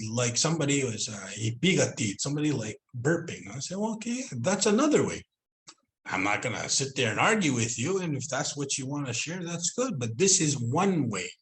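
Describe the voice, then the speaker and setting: Man presenter with a Northern Cree accent, unhurried conversational teaching over a video call. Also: medium pitch, a bit bright, slight background noise. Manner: conversational, drawn-out storytelling with repeated "you know". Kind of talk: online cultural presentation.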